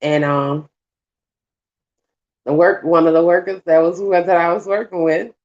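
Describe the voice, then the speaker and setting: The sound is lo-fi as a woman vlogger, fairly low-pitched and a little slow, shares a story while cooking at home. She repeats phrases in colloquial style and animatedly imitates the people she describes.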